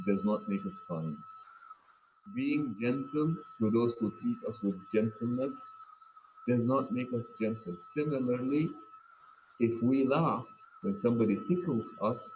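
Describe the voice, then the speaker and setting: Male preacher, mid-pitched and mellow, emphatic storyteller who leans on repetition; slightly muffled recording. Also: a little hiss or hum. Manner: emphatic storyteller who repeats key phrases. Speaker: mosque speaker. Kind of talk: sermon talk.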